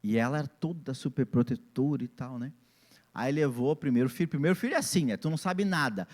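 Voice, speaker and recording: A man's voice: mid-range voice, fast talker, darkish tone. A man, preaching a sermon as pastor and acting out family scenes in different voices.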